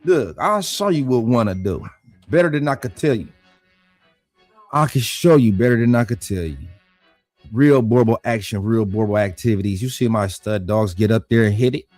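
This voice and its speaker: A man hosting his own channel, talking in a blunt, combative rant, firing off repeated rhetorical questions and climbing higher in pitch as he gets worked up. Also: animated, normal speed, a little mellow, no echo, faint music behind. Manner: voice rises high when worked up. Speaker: dog breeder and channel host. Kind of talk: heated casual monologue.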